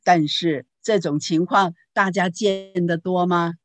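A woman pastor giving a teaching talk on parenting, telling anecdotes in a lively way and asking the audience questions. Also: lowish voice, measured pace, no room sound. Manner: lively storytelling with rhetorical questions.

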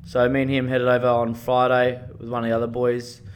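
A man's voice: medium pitch, completely flat delivery, brisk. A man with a broad Australian accent chats casually as a podcast co-host, blokey, slangy and sweary in a laid-back way. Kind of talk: casual chat.

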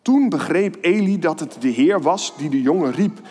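Man pastor, high voice, lively kids' sermon, long church reverb. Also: moderate pace. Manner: lively, playful storytelling to children. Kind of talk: children's sermon with Bible reading.

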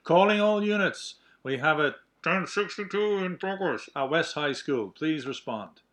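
A man's voice: a little high, lively intonation, unhurried, fairly bright tone, voice pushed up. A man voicing a police dispatcher whose call comes over a car radio, clipped and official. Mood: urgent.

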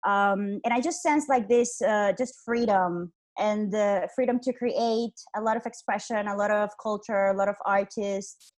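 A woman in her twenties from Honduras joins a podcast as a guest over a video call, speaking at a moderate pace in a medium-pitched, slightly mellow voice. The interview chat is casual, full of "like"s and restarted sentences.

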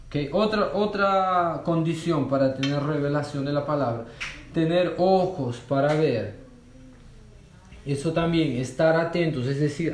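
A man teaching a conversational Bible lesson, telling personal stories with fillers and rhetorical questions. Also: on the high side. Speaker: church cell group leader teaching a course. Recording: roomy echo.

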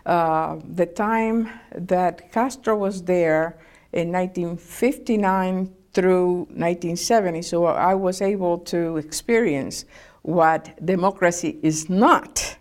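An older woman from Cuba, earnestly sharing a personal reflection with measured pauses and fillers. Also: lowish voice, darkish tone. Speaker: oral history contributor. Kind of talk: personal reflection, recorded story.

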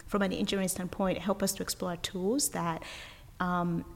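A woman from Uganda speaks as an interview guest, energetic and thoughtful, often restarting mid-sentence. Her voice sits low with a gravelly edge. The recording carries a long reverb tail. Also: normal speed. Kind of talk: casual interview chat.

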